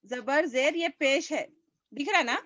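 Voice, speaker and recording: A woman's voice: sits high, a bit bright, no echo. A woman teaching a recitation class over a video call, patiently repeating each sound for her students. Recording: dull lo-fi online call audio.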